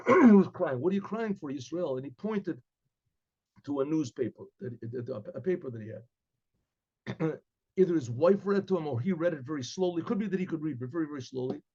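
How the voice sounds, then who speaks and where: An older American man rambles through a story for a casual class, repeating words and often clearing his throat, filmed on a desk webcam in a book-lined study. His voice sits a little high, with lively intonation, a moderate pace and a darkish tone. The sound is lo-fi.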